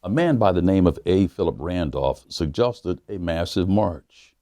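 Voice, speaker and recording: Reading a children's book aloud, a pastor uses a very low, mellow male voice with lively intonation. His storytelling is measured, slowing down to lean on the key lines. The recording is dry and close, with no room sound.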